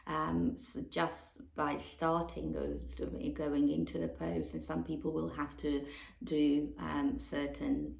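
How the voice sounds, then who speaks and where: A woman yoga teacher explaining a practice off the cuff, halting often with ums and restarts. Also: low voice, vocal fry, darkish tone. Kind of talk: unscripted explanation. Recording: echoey room.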